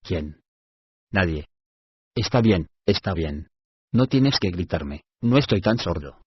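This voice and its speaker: Cranky deaf old dwarf lord, gruff and low, keeps asking "eh?", done by a male narrator, husky, dull lo-fi. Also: animated, slow pace, no echo, heavily acted. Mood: irritable. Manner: gruff, mishears everything, asks "eh?".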